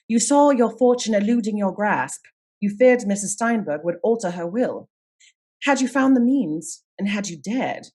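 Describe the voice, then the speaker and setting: A woman's voice: medium pitch, darkish tone, lightly acted. A woman playing a shrewd, assured lady detective in a period radio mystery, speaking formally and articulately as she sets out her case. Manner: articulate, formal, methodical accusing delivery. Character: shrewd, composed lady detective of Scotland Yard, commanding and assured.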